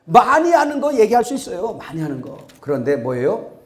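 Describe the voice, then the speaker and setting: A man preaching a sermon as pastor. He is impassioned and swings from loud exclamations to hushed asides. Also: high-pitched, wildly swooping pitch, fairly quick. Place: church sanctuary. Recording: echoey church hall.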